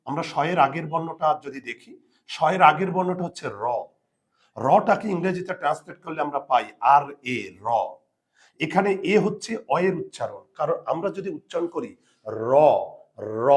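A male teacher giving a spelling lesson to students, patiently repeating each rule and working through examples. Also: on the high side. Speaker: Bengali grammar teacher.

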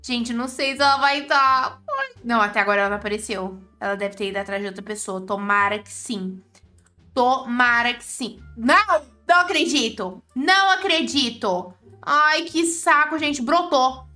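A woman's voice: a little high, moderate pace, sharp tone, soft background music. A woman with a Brazilian Portuguese accent giving chatty, exclaiming gameplay commentary to her viewers as the host of a gaming channel.

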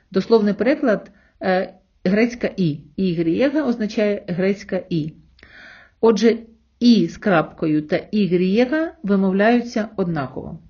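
A woman teaching a language lesson online, explaining patiently step by step and slowing down to sound out example words. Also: mid-range voice, dark tone, dull audio.

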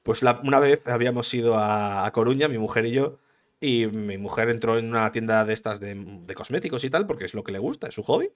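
A man's voice: mid-range voice, a little fast. A man hosting a casual solo podcast, rambling and chatty, with frequent restarts and swearing. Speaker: podcast host, gaming streamer.

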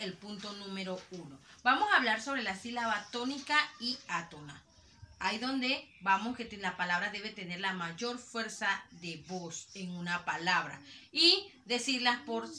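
A woman teacher giving a slow, clear lesson, repeating words to drill stressed syllables. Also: medium pitch, animated, pushed and bright, a little hiss or hum.

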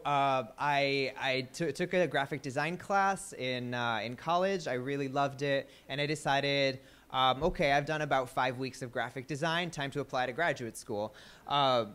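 A man's voice: mid-range voice, a bit bright. A man in his thirties with an American accent, raised in Italy, giving a conference talk in a self-deprecating way with many fillers and restarts. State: a little nervous. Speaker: conference speaker. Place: conference stage.

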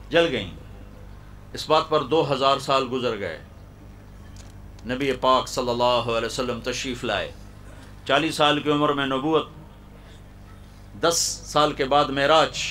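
A male preacher telling a story in a sermon at a university hall, dramatic, swinging between loud cries and hushed tones. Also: fairly high pitch, slight background noise.

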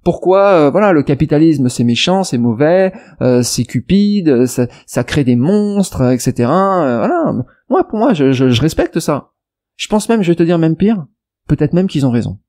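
A man's voice: fairly high pitch, animated, moderate pace, a little mellow. A man from France giving a rambling, digressive video reply to a viewer's comment, with many restarts and fillers and arguing straight at the viewer. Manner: addresses the viewer directly and argues a point. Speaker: investment YouTuber.

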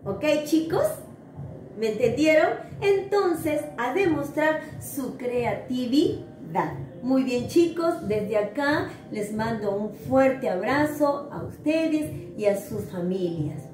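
A woman, a primary school teacher giving a remote grammar lesson and coaxing young pupils in an animated way. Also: high-pitched, takes it slowly. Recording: echoey room, faint noise.

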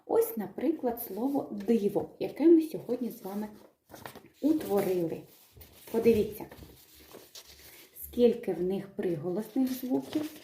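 A woman teaching young children to read, talking in a gentle, slow, sing-song way and breaking words into syllables. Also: mid-range voice, expressive, slight background noise. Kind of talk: children's literacy lesson with a told tale. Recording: echoey room.

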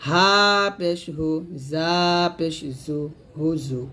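A man teaching Quran reading, spelling out each letter and vowel mark slowly, then joining them and pointing out common mistakes. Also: fairly high pitch, fairly even intonation, fairly bright tone. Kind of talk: slow syllable-by-syllable spelling lesson.

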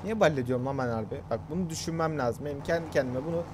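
A man's voice: fairly high pitch, very fast, background noise. A young man chatting casually to his viewers while playing a farming game, joking at his own expense. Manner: chatty, self-mocking, talks to viewers. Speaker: gaming YouTuber. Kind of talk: casual gameplay commentary.

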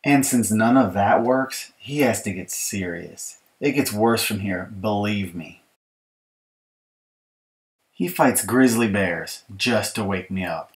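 An author reads his children's picture book audiobook in a fairly low, slow voice, playing an exasperated young girl griping about her bratty little brother. The complaint is dramatic, emphatic, and mock-aggrieved.

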